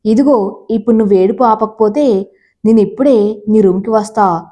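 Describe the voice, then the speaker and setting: A devoted young man pours out his love in a soft, pleading way, as a woman storyteller reads his lines. The voice stays mellow and warm, at a middling pitch for a woman's reading. It is an everyday reading voice, not a big character voice. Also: normal speed, close to an everyday voice. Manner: tender, pleading, emotional.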